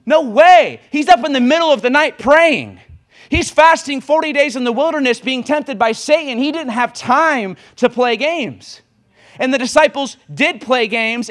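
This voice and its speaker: This sermon comes from a young man in his 20s, a preacher whose voice is unusually high for a man. Rapid and impassioned, he pushes each point forcefully, rushing forward before hammering certain words out louder.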